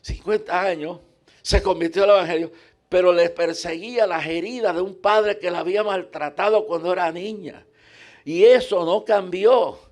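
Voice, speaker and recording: A man's voice: high-pitched, normal speed, a little mellow. A man preaching a sermon as a story, emphatic, repeating himself and stumbling into restarts.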